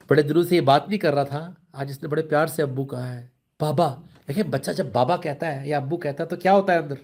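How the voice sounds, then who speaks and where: Pakistani guy giving a religious talk, pretty high voice, earnest, slips english words in. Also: a little mellow. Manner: earnest, explaining with everyday examples, mixing in English words. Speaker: Islamic speaker.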